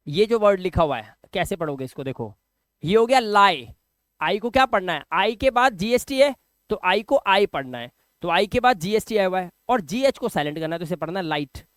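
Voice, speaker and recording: A man's voice: high-pitched, a bit bright, dry recording. A man teaching an English lesson and speaking emphatically. He repeats each word and keeps asking the viewer questions. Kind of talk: spoken classroom lesson.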